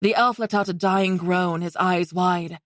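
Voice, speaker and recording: A woman reading a fantasy romance audiobook in steady scripted narration. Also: on the low side, unhurried, no room sound, clean studio sound.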